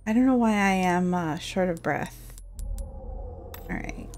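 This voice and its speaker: A woman's voice: on the low side, takes it slowly, darkish tone, slight background noise. A woman in her thirties streaming a game, chatting casually and rambling, often breaking off mid-sentence. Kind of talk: casual gameplay chat.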